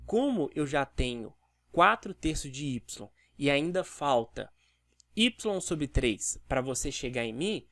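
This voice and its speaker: A man's voice: medium pitch, very animated, slow pace, a bit bright, dry recording, clean studio sound. A man teaching a math lesson. He explains each step and keeps asking the viewer rhetorical questions.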